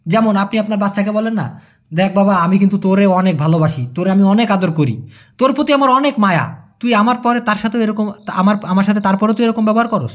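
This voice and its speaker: In a relaxed language lesson, a man with a high voice says phrases slowly, then explains them quickly while answering viewers' questions.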